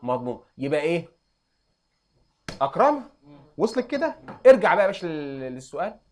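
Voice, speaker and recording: A young adult man with an Egyptian accent, teaching an Arabic grammar lesson and quizzing students with quick questions. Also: a little high, sing-song, a little mellow. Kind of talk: classroom lesson.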